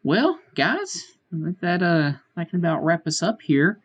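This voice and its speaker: A man's voice: fairly high pitch, steady tone, a little fast. A man hosting a casual chat podcast in a small room, joking and plugging the show. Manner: jokey, wraps up with plugs. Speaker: podcast host.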